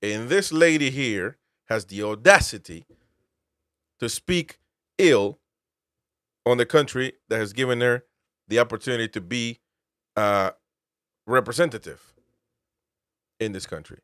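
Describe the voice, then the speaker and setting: A man's voice: medium pitch, measured pace, pauses often, fairly bright tone, clean tone, no room sound, clean studio sound. A man from Peru, host and military veteran, giving political commentary with emphatic, incredulous rhetorical questions.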